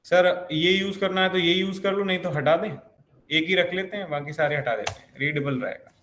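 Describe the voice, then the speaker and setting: A man with a fairly high voice walks through a coding lesson. He explains each step and keeps asking rhetorical questions. The room is echoey, with a faint hiss behind him. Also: fairly quick, a bit bright. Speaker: programming instructor.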